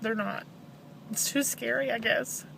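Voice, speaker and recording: A woman speaking in a halting, downcast, grieving way, as in a personal confessional vlog. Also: a little high, fairly even intonation, gravelly, fairly bright tone, a little hiss or hum, rough recording. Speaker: vlogger, bereaved mother.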